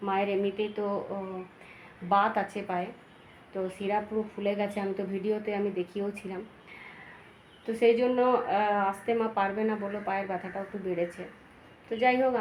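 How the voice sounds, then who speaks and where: A woman's voice: mid-range voice, darkish tone. A middle-aged woman with a Bengali accent, chatting casually for a home vlog in a homely, fussing auntie manner with simple repeated phrases. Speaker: family vlogger. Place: inside a home. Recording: noisy home video recording.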